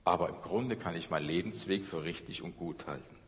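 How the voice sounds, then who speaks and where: German pastor preaching in a reverberant hall. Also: male voice, brisk. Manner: earnest preaching, swings between loud emphasis and hushed low passages. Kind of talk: sermon. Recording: long church-hall reverb.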